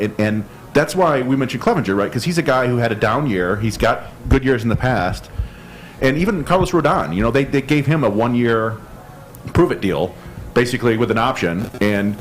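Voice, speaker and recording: Casting: male podcast co-host, measured explainer, faint hiss behind him. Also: mid-range voice. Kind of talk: casual sports chat.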